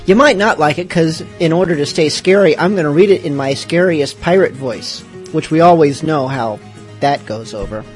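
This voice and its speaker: A man hosts a podcast in the style of a casual radio show, rambling with self-deprecating asides. His voice is on the high side at a normal pace, with faint music in the background.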